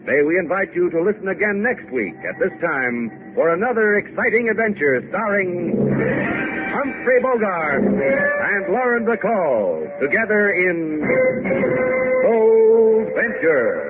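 A man's voice: high-pitched, takes it slowly. Man announcing on an old broadcast disc. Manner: lively, sing-song sales delivery. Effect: old broadcast transcription disc. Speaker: radio announcer. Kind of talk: 1940s radio announcing. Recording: tinny old radio disc with faint music.

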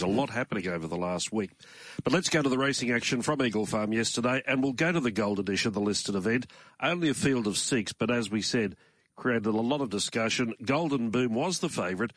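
A man with an Australian accent hosting a morning racing talk show from a studio in a measured, conversational way. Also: on the low side, no echo. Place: radio studio.

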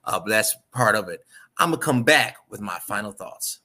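A man hosting a sports podcast, giving emphatic, opinionated takes that swing between loud bursts and quieter asides. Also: fairly low pitch, animated, moderate pace. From Chicago area. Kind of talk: casual sports opinion talk.

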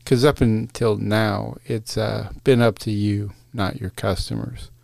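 A man's voice: lowish voice, flat delivery, measured pace, gravelly, darkish tone, dry recording, studio quality. A man hosting a solo podcast, chatting casually with lots of uhs and restarts. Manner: casual, many fillers and restarts. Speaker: podcast host.

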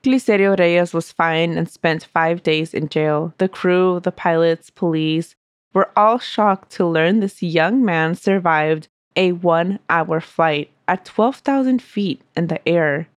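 This history podcast host, a woman with a cold-stuffed voice pitched fairly low, reads a scripted story in steady storytelling fashion. She takes it slowly, and the clean studio recording has no room sound.

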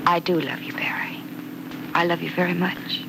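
An actress playing an affectionate, sensible young sweetheart in an old radio serial, speaking softly and earnestly. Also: female voice, medium pitch, fairly quick, lightly acted. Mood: tender. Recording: noisy old radio recording.

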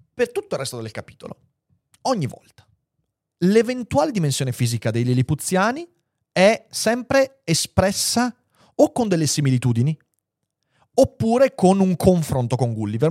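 A man hosting his channel, talking through a classic book in a casual, lively lecture and reading passages aloud with expressive shifts of pace and volume. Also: medium pitch, dry recording, clean studio sound. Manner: animated, expressive, shifting pace and loudness freely. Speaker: host of a philosophy and literature channel.

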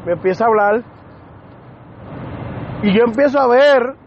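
A man with a rather high voice tells a story in a relaxed podcast monologue, slipping into the voices of the people in it. The recording sounds a little muffled, with faint car and street noise behind him. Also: unhurried. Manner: animated retelling that acts out other people's lines. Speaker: podcast host.

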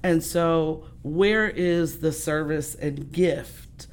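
A woman with a fairly low voice hosts a relaxed conversation. She speaks reflectively and with emphasis, often building her point through rhetorical questions. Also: very slow. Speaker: host. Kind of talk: casual conversation.

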